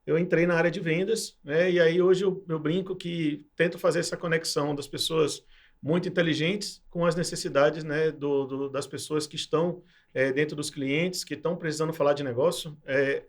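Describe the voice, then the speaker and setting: Looking back on his path, this cybersecurity salesman in his forties speaks in a thoughtful, halting way, leaning heavily on fillers. His voice is a bit high and steady in tone, and he comes from Pernambuco, Brazil, chatting as a guest in a relaxed interview.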